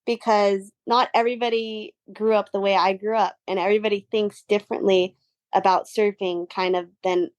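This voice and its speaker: A woman's voice: mid-range voice, flat delivery, normal speed, dry recording. A young woman from Hawaii, a surfer and interview guest, talking earnestly in a casual, reflective way, with lots of "like" fillers. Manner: earnest, heavy use of "like" fillers.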